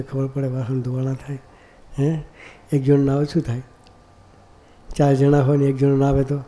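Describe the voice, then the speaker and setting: A man's voice: medium pitch, warm tone, a little hiss or hum. A man giving a devotional discourse as a monk preacher, often asking the audience rhetorical questions.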